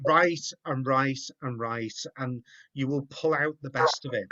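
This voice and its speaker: A man's voice: mid-range voice, a little slow, pushed and bright. Host, man, rambling and encouraging, muffled video-call audio. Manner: rambling, encouraging, repeats words. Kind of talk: casual chat.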